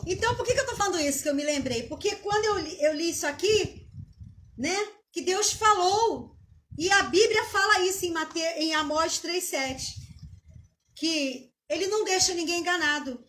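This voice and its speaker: High-voiced Brazilian woman giving a halting testimony. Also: fairly bright tone. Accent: Brazilian Portuguese. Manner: emotional, halting, with many restarts and tag questions. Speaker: pastor. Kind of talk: live-streamed testimony.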